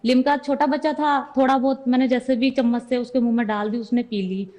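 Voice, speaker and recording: A woman's voice: high voice, steady tone, brisk, a little mellow. A young woman giving an earnest personal testimony as a devotee, retelling conversations step by step.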